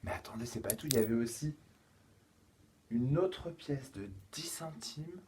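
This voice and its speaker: A man with a French accent, a kindergarten teacher giving a slow, patient home-schooling lesson to young children. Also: medium pitch, animated, dark tone, breathy edge.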